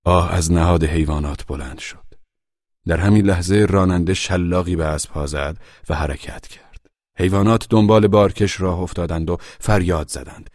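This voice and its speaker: A man narrating a storybook in a measured, grave, dramatic way. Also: deep voice, fairly even intonation, a little mellow, dry recording, clean studio sound. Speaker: audiobook narrator.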